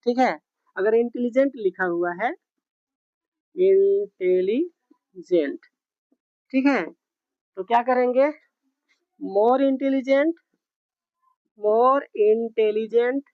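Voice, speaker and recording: A woman teaches a grammar lesson at an unhurried, deliberate pace, repeating each word and spelling it out letter by letter. Her voice sits a little high. The recording is dull and muffled, with a close, dry sound. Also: a little mellow, no echo. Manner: slow, repetitive, spells words out letter by letter with frequent check-ins.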